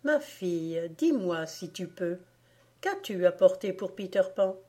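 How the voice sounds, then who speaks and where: Woman reading a calm, serious mother. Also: fairly low pitch, a little slow. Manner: serious, composed. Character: calm, clever mother of a girl.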